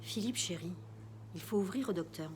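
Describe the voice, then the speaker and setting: A woman voicing a flustered, sharp middle-aged mother who scolds with exasperated questions. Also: medium pitch, animated, moderate pace, slight background noise, lightly acted. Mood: hushed insistent.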